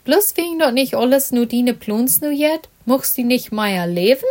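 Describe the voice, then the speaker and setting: A woman's voice: high-pitched, animated, moderate pace, a little mellow, voice pushed up. A woman reading as an anxious, caring young woman. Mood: pleading.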